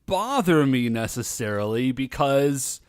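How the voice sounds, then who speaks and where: A podcast co-host, a man with a medium-pitched voice and big pitch swings, chats casually at an unhurried pace in a playful, teasing way. The sound is clean studio quality with no echo, captured with recording earphones and a studio mic.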